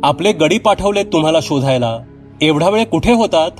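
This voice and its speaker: A man's voice: a little high, animated, normal speed, faint music behind, pitched above the performer's own voice, natural voice. A man doing a fussing village headman. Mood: scolding. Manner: scolding, fatherly.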